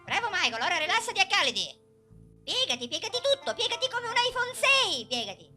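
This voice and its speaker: An indignant, nagging wife with a Sicilian accent. Her voice is extremely high, bright and quick. It comes from a comic dub of a video game. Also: big pitch swings, soft background music, exaggerated voice. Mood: mocking.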